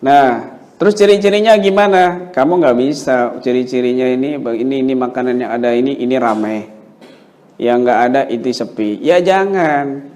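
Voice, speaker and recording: A man's voice: medium pitch, moderate pace, darkish tone. A man, an Islamic cleric answering questions in a casual lecture full of rhetorical questions. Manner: colloquial, rhetorical questions, emphatic repetition. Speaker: Islamic cleric teaching ruqyah. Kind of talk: religious Q&A lecture.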